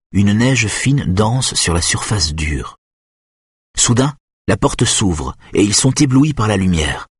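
A man reading a tense thriller aloud as an audiobook narrator, in measured, steady storytelling. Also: lowish voice, husky, no room sound, clean studio sound.

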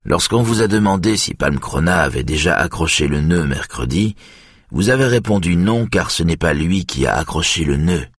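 A man voicing a calm male detective who lays out events step by step. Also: low-pitched, breathy edge, dry recording, clean studio sound. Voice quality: measured, methodical questioning.

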